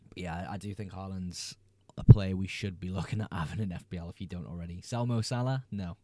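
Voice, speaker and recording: A young Englishman hosting a livestream reads viewers' messages aloud and then answers them in a relaxed, easygoing chat. His voice is lowish and mellow, and he talks at a quick pace. The audio is dry and close, without echo or any room around it.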